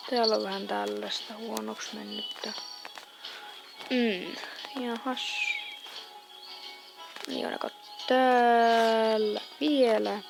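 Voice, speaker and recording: A woman's voice: a little high, level tone, vocal fry, pauses often. A woman hosting a casual let's-play video, chatting and muttering reactions as she plays a farming game. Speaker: gameplay video host. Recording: game music behind the voice. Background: game music.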